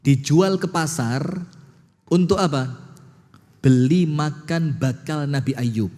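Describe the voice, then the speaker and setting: A man with a slightly high voice preaches a sermon to an audience, speaking slowly and animatedly while firing questions at his listeners. His words trail off into a long reverb.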